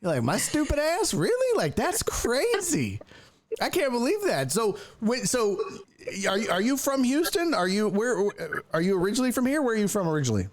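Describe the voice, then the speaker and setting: A man's voice: huge pitch swings, moderate pace. A man hosting a sports talk show, chatting casually and joking playfully with his guest. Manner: joking, playful, swings into high disbelieving tones. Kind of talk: casual interview chat.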